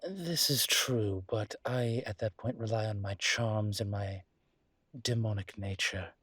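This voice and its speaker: A man's lowish, somewhat bright voice carries a breathy edge, recorded with no echo. Voicing a charming, flirtatious demon professor in an intimate audio roleplay, he teases with courtly, formal phrasing and hesitant pauses, coming across as flustered.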